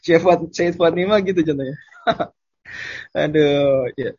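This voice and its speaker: Husky-voiced man teaching Arabic grammar. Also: on the high side, a little mellow, lo-fi sound. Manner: explains casually, repeats Arabic phrases slowly, laughs at examples. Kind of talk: online Arabic grammar lesson.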